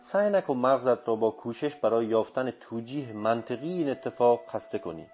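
A man voices an old sorcerer in a storybook reading, a calm yet commanding presence who gives short, firm orders. The voice sits at an ordinary middle pitch. Faint music plays underneath. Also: lightly acted. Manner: commanding, terse instructions. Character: older male sorcerer, calm, stern and commanding. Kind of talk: audiobook character reading.

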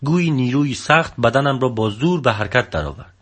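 A man narrates a first-person story in a calm, measured audiobook reading. His voice is husky and breathy, sitting at a middle pitch, steady and even throughout. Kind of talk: scripted narration.

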